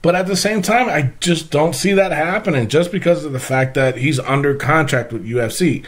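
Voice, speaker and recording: A man's voice: fairly high pitch, normal speed. A man hosting a wrestling podcast, talking casually with many fillers and restarts. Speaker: podcast host.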